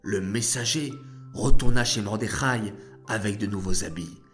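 A man narrating a children's story in a slow, deliberate storytelling voice. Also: on the low side, fairly bright tone. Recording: faint background music.

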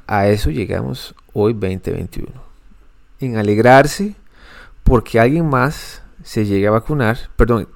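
Male podcast host, gravelly voice, opinionated and measured solo commentary. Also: fairly low pitch. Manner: opinionated, measured, frequent fillers and restarts.

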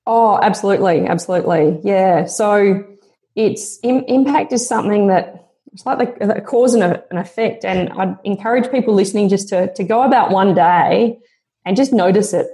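Mellow-voiced earnest woman guest. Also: medium pitch, normal speed. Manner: earnest, motivational, reflective. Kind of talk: conversational podcast interview.

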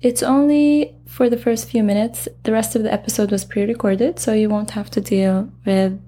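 A woman's voice: medium pitch, fairly even intonation, normal speed, warm tone, a little hiss or hum. A woman hosting a podcast while sick with the flu, delivering an upbeat, apologetic intro. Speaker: podcast host.

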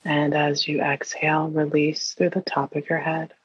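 Woman doing guided meditation, super breathy and airy, really flat and soothing, kinda roomy muffled recording. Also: low-pitched. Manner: soothing, hushed, unhurried delivery with long pauses. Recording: roomy, dull lo-fi sound.

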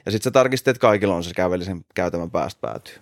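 A man's voice: low-pitched, no echo, studio quality. A man in his late twenties, a podcast host, telling an anecdote in casual chat, swearing freely and laughing as he goes. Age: 20s.

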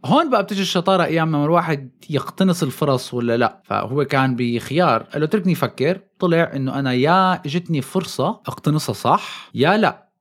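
A man giving an earnest motivational monologue, repeating his points and dropping in English phrases. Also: medium pitch.

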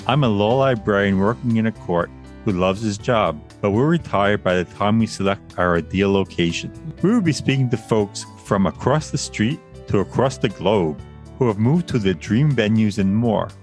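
A middle-aged man from Long Island, New York, co-hosting a podcast, reading intros and bios with dry, deadpan jokes. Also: on the low side, moderate pace, soft background music. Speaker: podcast co-host.

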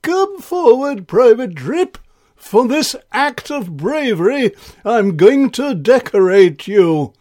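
A man's voice: extremely high pitch, big pitch swings, takes it slowly, darkish tone, voice pushed up, heavily acted. A man voicing a pompous, cold-hearted male Ice King in a children's story. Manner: pompous, self-satisfied, punning.

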